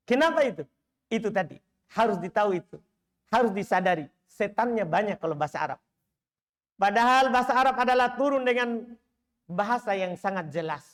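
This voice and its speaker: A male Islamic teacher giving a study lecture in a mosque. He talks in a lively, teasing way, often throwing rhetorical questions at the audience and then answering them himself. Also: extremely high pitch. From Indonesia.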